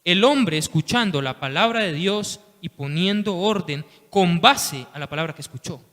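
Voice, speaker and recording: A man's voice: sits high, animated, normal speed, a bit bright. A man preaching a sermon to his congregation, impassioned, with frequent "hermanos" and "¿sí?". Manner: impassioned, repeats "hermanos" and "¿sí?" often. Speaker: lay preacher. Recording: long reverb of a church hall.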